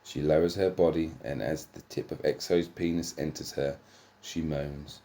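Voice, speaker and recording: Deep voiced guy reading a dumb raunchy story, deadpan, trips over words sometimes. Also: normal speed, a little hiss or hum. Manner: deadpan, stumbles and swears. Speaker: narrator. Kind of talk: comic erotic story reading.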